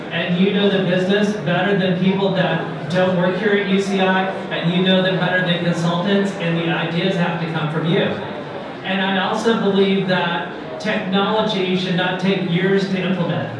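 A middle-aged man delivers an earnest, encouraging keynote from a podium, speaking in a fairly high voice. The sound comes from some distance in a large, echoing conference hall. An audience murmurs behind him. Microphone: podium mic on a stand. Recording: echoey hall, recorded from afar.

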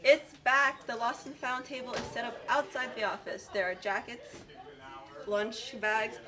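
A woman's voice: fairly high pitch, fairly even intonation, a little slow, a crowd in the background. A young woman, a student announcer, reading scripted announcements over a school intercom. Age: teens to young adult, high school student. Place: indoor school office. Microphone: telephone handset of school PA, seen.

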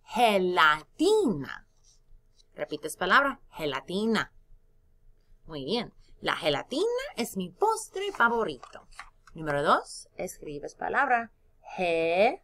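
A woman's voice: on the low side, sing-song, takes it slowly, a bit bright. A woman teaching a recorded lesson, spelling words out letter by letter, stretching syllables and praising her students between prompts.

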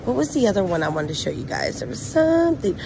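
A woman's voice: medium pitch, very animated, fast, gravelly. Chatty woman vlogging in a noisy store. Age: adult with a son. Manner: chatty, enthusiastic about bargains. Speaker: shopping vlogger. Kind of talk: casual shop-with-me narration. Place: indoors in a discount supermarket aisle. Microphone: handheld phone camera. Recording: store noise in the background.

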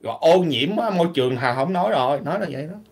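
A man from Vietnam, talking animatedly in a casual opinionated vlog, clearing his throat often. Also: on the high side, expressive, very fast. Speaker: vlogger.

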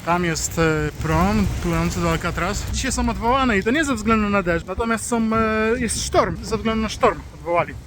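A man's voice: high voice, moderate pace, few pauses. A man with a cold and sore throat, chatting casually in a travel vlog as he walks the city streets. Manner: chatty, self-deprecating, walking while talking. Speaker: travel vlogger. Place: city streets outdoors, and indoors at a hostel. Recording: noisy street with traffic.

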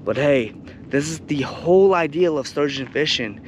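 A slightly high, expressive voice at a moderate pace belongs to a fishing vlogger in his thirties. Out on the shoreline, he offers relaxed, chatty commentary with lots of fillers, recorded through an action camera, hand-held or chest-mounted, over faint outdoor noise.

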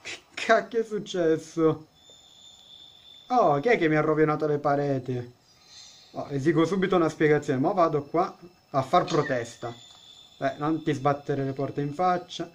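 A man's voice: on the high side, normal speed, pauses often. Jokey man narrating a horror game. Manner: jokey, chats with the game characters, startled exclamations. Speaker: gaming YouTuber. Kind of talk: let's-play horror game commentary.

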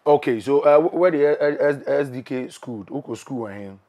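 A man's voice: mid-range voice, moderate pace, dark tone. A young Ghanaian man hosting a casual interview, playful and bantering, slipping into pidgin. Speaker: interview host. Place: small recording studio indoors.

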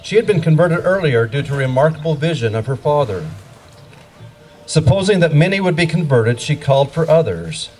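This middle-aged pageant narrator reads scripture from a script outdoors on a wooded stage, using a handheld mic fed through a PA while music plays. The voice sits on the high side with big pitch swings, a brisk pace and a darkish tone, and the recording is rough.

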